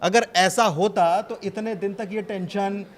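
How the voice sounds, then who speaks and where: A man with a high voice gives his take as an analyst on a studio news panel. He talks in an animated, sarcastic way and keeps throwing out rhetorical questions. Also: a little slow.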